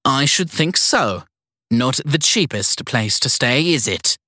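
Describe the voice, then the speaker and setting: A man voicing an imperious, sharp-tongued woman of ninety-six in an audiobook, with a husky, lively voice raised well above his own. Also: medium pitch, slow, dry recording, clean studio sound, pitched above the performer's own voice, full character voice. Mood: haughty. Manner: haughty, clipped and demanding.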